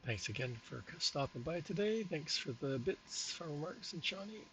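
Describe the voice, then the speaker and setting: A male streamer chats in a relaxed, offhand way while he wraps up and thanks his viewers. His voice has a gravelly, crisp-edged brightness. It comes through livestream headset audio with a faint hiss of noise behind it. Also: a little high, normal speed, poor audio. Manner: relaxed, thinks aloud, thanks viewers by name. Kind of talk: casual gaming livestream chat.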